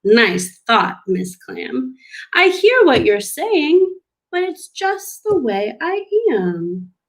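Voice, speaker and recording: A woman voicing a gloomy, resigned male fish from a storybook, in a mopey, drawn-out singsong. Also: high voice, sing-song, pitched above the performer's own voice, exaggerated voice. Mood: glum, resigned.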